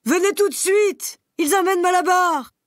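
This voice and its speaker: A woman voicing an old male donkey in a storybook reading, crying out in high, shouted braying calls. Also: normal speed, no room sound, studio quality. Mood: alarmed.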